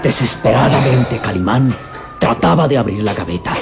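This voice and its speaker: Guy narrating an old-style radio drama, suspenseful, dramatic pauses, mid-pitched voice, music behind him. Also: lively intonation, creaky. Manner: theatrical, suspenseful, deliberate pauses.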